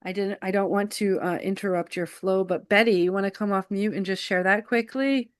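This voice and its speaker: A woman's voice: mid-range voice, fairly even intonation, a little fast, clean tone, no echo. Woman moderator, upbeat and encouraging, dry close sound, video call. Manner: upbeat, encouraging, laughs easily. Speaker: co-host and moderator. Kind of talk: casual group facilitation.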